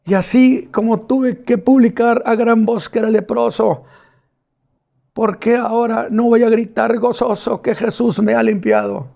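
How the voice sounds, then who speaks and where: Healed leper, joyful and exclamatory, higher-pitched than the narrator, gravelly edge; a man puts him on. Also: expressive, a little slow, mellow, exaggerated voice. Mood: jubilant. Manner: exclamatory, jubilant retelling. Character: healed leper man, overjoyed, shouting his news.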